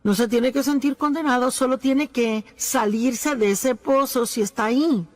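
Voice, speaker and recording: Woman, high voice, Spanish voice-over for a preacher's sermon, earnest and emphatic. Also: moderate pace. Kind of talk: dubbed sermon.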